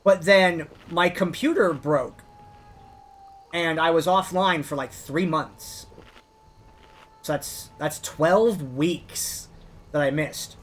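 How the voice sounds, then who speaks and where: Slow and pausing often, a man wanders through lengthy stories full of "like" while playing a game, with slight noise in the background. He's narrating his own playthrough casually and calls his voice higher than a deep bass beat.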